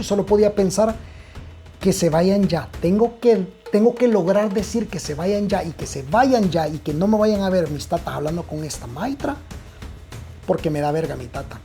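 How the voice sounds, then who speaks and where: A man's voice: high-pitched, warm tone. A man telling a comic story, profane and stumbling over repeated words as he searches for them.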